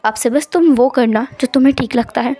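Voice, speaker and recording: A woman voicing a calm, gentle seventeen-year-old husband in a measured, lowered voice. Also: dry recording, close to an everyday voice.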